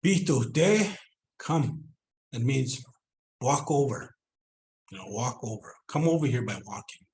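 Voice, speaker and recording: Man presenter with a Northern Cree accent, unhurried conversational teaching over a video call. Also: medium pitch, lively intonation, a little mellow, slight background noise. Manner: conversational, drawn-out storytelling with repeated "you know". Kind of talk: online cultural presentation.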